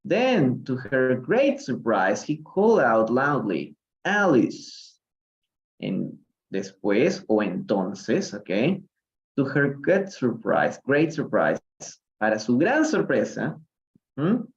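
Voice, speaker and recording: Slow-talking Peruvian English teacher. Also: male voice, mid-range voice, big pitch swings, creaky, muffled recording. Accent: Peruvian Spanish. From Peru. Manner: explains slowly, switching between English and Spanish, often asking "¿no?". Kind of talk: live-streamed reading lesson.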